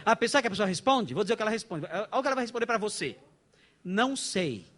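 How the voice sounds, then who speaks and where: Middle-aged Brazilian pastor, high and lively voice, joking sermon style. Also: male voice, rapid-fire. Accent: Brazilian Portuguese. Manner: animated and joking, with frequent rhetorical questions. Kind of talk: conference sermon lecture. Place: church conference hall.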